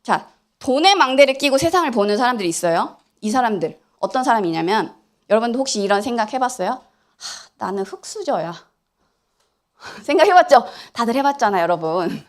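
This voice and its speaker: A woman giving an animated lecture at church, asking the audience questions and acting out what people say. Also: a little high, quick pace. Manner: animated, asks the audience questions, acts out quotes. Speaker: church lay speaker. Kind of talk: lively church lecture to youth. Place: church hall.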